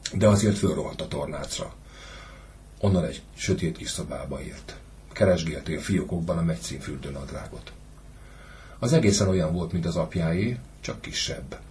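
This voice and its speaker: A man with a deep, low voice narrates a classic literary story for an audiobook. His delivery is measured and steady. A faint hiss runs under the recording.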